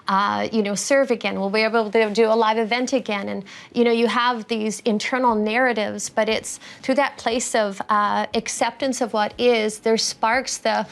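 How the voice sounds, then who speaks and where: A woman giving a reflective inspirational talk in earnest, halting, abstract phrases. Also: medium pitch, gravelly. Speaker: co-speaker.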